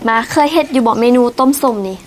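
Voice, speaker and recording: A woman with a Lao accent and a notably high voice hosts a casual cooking vlog. She chats to her viewers as she works, often teasing her guest. There is a faint hiss under her voice. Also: quick pace, a little mellow. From southern Laos. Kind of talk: casual chat while cooking.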